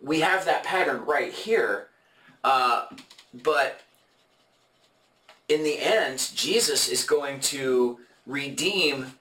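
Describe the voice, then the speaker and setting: Male podcast host walking through scripture, bright forward tone, stop-start delivery, recorded far off in an echoey room. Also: medium pitch, animated. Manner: halting and explanatory, many fillers and restarts. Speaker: podcast co-host leading a Bible study. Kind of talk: conversational Bible study teaching. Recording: echoey room, mic at a distance.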